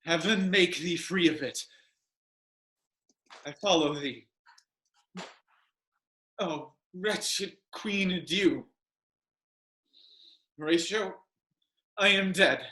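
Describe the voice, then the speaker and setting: An actor playing an anguished, vengeful young dying prince in a declamatory Shakespearean style. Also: male voice, on the high side, slow pace, long pauses, echoey room. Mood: dying, sorrowful. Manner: declamatory, swinging from shouts to hushed lines. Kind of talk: Shakespearean stage acting.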